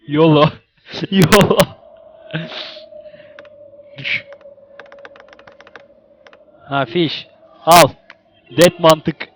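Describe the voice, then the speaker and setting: A young man giving casual let's-play commentary, excitable, exclaiming and grumbling at the game. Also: on the high side, slight background noise. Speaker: gaming YouTuber.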